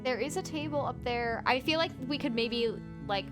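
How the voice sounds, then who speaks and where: A woman streamer giving casual, playful and excitable live commentary while playing a game. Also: sits high, normal speed, music in the background.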